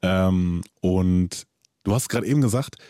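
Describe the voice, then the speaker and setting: Easygoing man hosting, lowish voice. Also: unhurried, warm tone, no room sound, clean studio sound. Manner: easygoing, short affirming replies. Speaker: interview host. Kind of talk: casual interview hosting.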